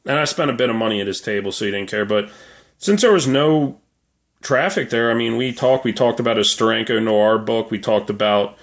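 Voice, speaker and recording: A man's voice: mid-range voice, a little fast. Hungover man chatting casually about his collection. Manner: hungover, a little ornery; conversational storytelling, acting out quoted dialogue. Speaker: vlogger, comic collector. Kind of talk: casual monologue to camera showing comic haul.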